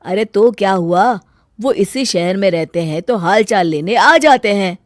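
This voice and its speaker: A woman's voice: mid-range voice, animated, a little slow, no room sound, studio quality, lightly acted. Woman putting on a mild cartoon father-in-law. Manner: reasoning, mildly scolding.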